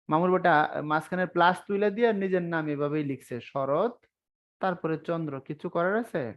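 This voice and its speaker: A man's voice: sits high, muffled recording. A young man teaching an online exam-prep lesson on spelling, chatty and teasing, often asking his students questions.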